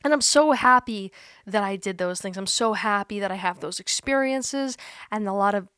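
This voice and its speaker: A woman in her thirties talking candidly to camera from a creaky chair at home, earnest and self-deprecating, laughing at herself now and then. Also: mid-range voice, moderate pace, a bit bright, no room sound, clean studio sound. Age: 30s. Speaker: YouTuber. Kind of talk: candid reflective monologue.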